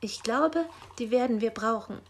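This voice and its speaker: A woman putting on a lively, high girlish helper. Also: normal speed. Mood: resigned.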